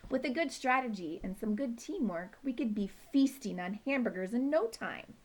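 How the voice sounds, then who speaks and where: A woman's voice: fairly high pitch, animated, moderate pace, darkish tone, pitched above the performer's own voice. Stick Dog, a woman doing a patient lead dog. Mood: coaxing. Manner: reasonable, coaxing. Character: calm, patient male dog pack leader. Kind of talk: children's book read-aloud.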